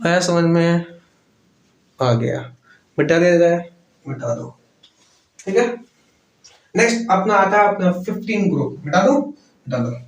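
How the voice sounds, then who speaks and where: A man's voice: sits high, lively intonation, unhurried, long pauses. A man teaching a chemistry class, asking questions and answering them himself, repeating key words. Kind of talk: classroom lecture. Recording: roomy echo, voice from far off.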